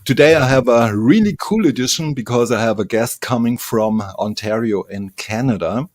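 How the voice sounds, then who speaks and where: A man's voice: mid-range voice, normal speed, a little mellow, dry recording, clean studio sound. A man from Germany with a German accent, hosting a casual interview show in English and chatting in a friendly, slightly nervous way with frequent restarts. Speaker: host.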